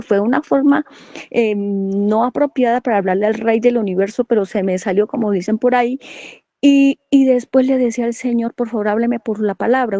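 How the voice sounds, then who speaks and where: A woman's voice: a little high, dark tone, dry recording. A woman preacher, giving an earnest testimony sermon and calling her listeners brothers. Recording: dull lo-fi recording.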